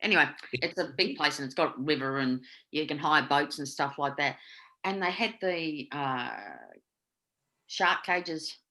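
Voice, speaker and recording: A woman's voice: sits low, unhurried, pushed and bright. A woman with an Australian accent co-hosting a casual comedy chat, telling stories with lots of laughter. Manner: chatty, laughing storyteller. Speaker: co-host.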